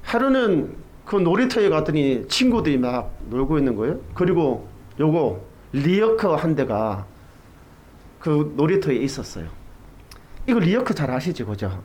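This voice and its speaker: A man's voice: on the high side, normal speed. A middle-aged man from Korea preaching a sermon, telling a childhood story and acting out the voices in it. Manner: animated storytelling, acts out quoted voices. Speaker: pastor.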